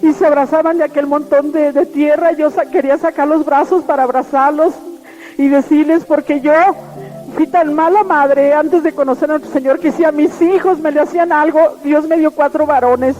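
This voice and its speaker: A woman's voice: high-pitched, fairly even intonation, moderate pace, warm tone. A woman telling her personal religious testimony in an earnest, repetitive way. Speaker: testimony giver. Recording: lo-fi radio broadcast with faint music.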